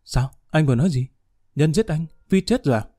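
A man voicing a fiery, distraught young woman in a spoken story, pleading and shrill. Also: animated, fairly quick, mellow, husky. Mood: shocked.

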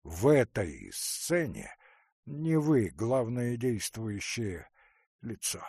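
A weary, stern nobleman, read by a man who speaks in a cold, hollow, restrained voice. He talks slowly and deliberately. The sound is dry and close. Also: medium pitch, big pitch swings, darkish tone, breathy edge, no echo, full character voice. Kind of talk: audiobook character reading.

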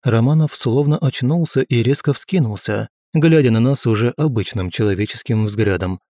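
A man narrating an audiobook in the first person with a steady, measured reading. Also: medium pitch, dry recording, studio quality.

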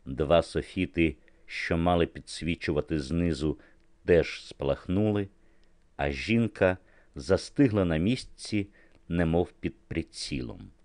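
Male narrator, very low voice, measured literary reading, dry recording. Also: darkish tone, dry recording. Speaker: audiobook narrator. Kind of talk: scripted narration.

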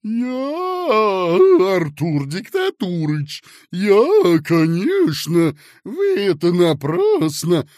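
A man voicing a short plump official who swings between shouting and sugary self-pity. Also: high-pitched, huge pitch swings, extremely slow, hardly any pauses, no echo, clean studio sound, pitched above the performer's own voice, heavily acted. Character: short plump official, blustering then servile.

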